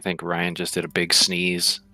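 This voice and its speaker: A man's voice: low voice, monotone, a little slow, pushed and bright, no room sound, faint music behind, rough recording. A man playing in a tabletop game, chatting casually in a playful, giggly way. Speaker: player.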